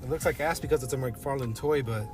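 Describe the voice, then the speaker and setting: Podcast co-host, male, frat-bro slang, casual and profane banter, average pitch, music clearly behind him. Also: fast, a little mellow. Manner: slangy frat-bro talk, peppered with "bro" and "dude".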